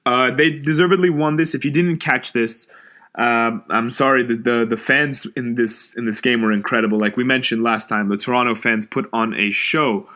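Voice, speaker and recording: A young man co-hosting a podcast, discussing games in an easygoing way and chiming in with quick agreements. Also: medium pitch, steady tone, sharp tone. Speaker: podcast co-host. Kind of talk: casual sports chat.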